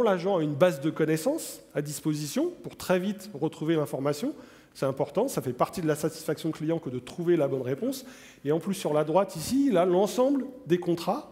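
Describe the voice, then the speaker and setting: A man in his forties giving a keynote product demo on stage, talking straight to the audience with many fillers. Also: on the high side. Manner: animated, addresses the audience directly, many fillers. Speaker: keynote presenter. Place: large conference hall on stage. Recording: long hall reverb.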